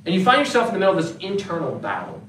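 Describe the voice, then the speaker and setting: A male pastor preaching a sermon in a conversational, animated way, slipping into quick acted asides. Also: sits high. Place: church sanctuary. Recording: roomy, distant church recording with faint background noise.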